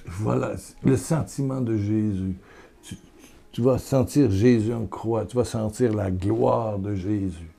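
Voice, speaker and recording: A man preaching and praying aloud, fervent and repetitive, with breathy exclamations. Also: lowish voice, warm tone. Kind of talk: prayerful preaching.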